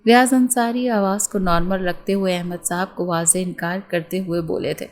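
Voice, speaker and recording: A woman's voice: lowish voice, steady tone, normal speed. Woman reading a romance novel aloud. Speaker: novel narrator. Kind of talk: scripted narration of a romance novel with acted dialogue.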